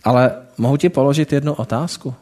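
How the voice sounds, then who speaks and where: A man reading a calm wise old man. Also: medium pitch, pitched above the performer's own voice, lightly acted. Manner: calm, gentle questioning.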